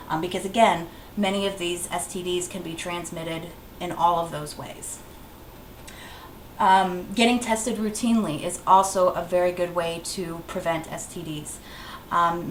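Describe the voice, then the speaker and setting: A woman clinic educator gives an informal, plainly instructive health presentation, repeating key advice. Her voice is lowish and a bit bright, in a roomy, echoey space with faint background noise.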